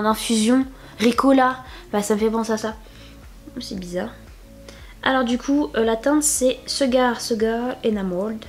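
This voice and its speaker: A woman's voice: on the high side, a little mellow. Young woman, beauty vlogger, casual haul chat, filler-heavy, playful. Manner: chatty, many fillers and restarts, playful "tada" reveals.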